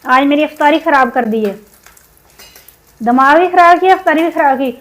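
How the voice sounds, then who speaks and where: A woman from Pakistan chatting in a cooking vlog, upset and venting, her throat sore from shouting. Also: high voice, a little fast, low-quality recording. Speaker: cooking vlogger. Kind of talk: casual cooking vlog chat.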